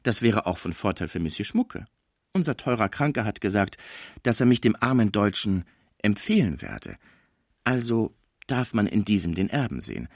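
A man voicing a scheming, fawning older female portress in an audiobook, flattering and pushy. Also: on the low side, moderate pace, dry recording, clean studio sound. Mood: wheedling. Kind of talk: audiobook character voice.

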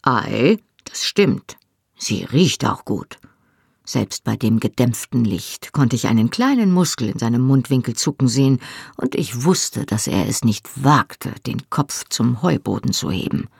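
Brief: expressive storybook narrator, gravelly texture, dry close sound. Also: medium pitch, normal speed, dry recording. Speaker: audiobook reader. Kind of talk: scripted narration.

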